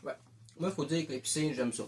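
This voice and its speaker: A man's voice: a little high, a little fast. Québécois man munching chips, noisy recording. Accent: Québécois French. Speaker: snack taster. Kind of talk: casual chat, food tasting.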